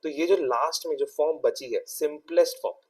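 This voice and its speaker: A man's voice: a little high, brisk, recorded from a distance. A young Indian man teaching a maths exam-prep lesson, explaining step by step and often checking in with his students.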